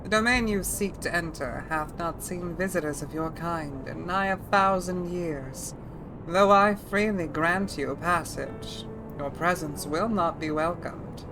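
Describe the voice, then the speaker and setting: A woman voicing a throaty, raspy older dragon. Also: lowish voice, low-quality recording. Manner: formal, archaic, stately. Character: solemn ancient dragon guardian, throaty older female.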